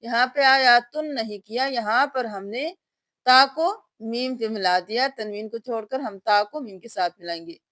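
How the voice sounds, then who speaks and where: A woman teaching Quran reading in a tajweed lesson, spelling out each letter and then reciting the word slowly and drawn out. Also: fairly high pitch, a bit bright, dry recording.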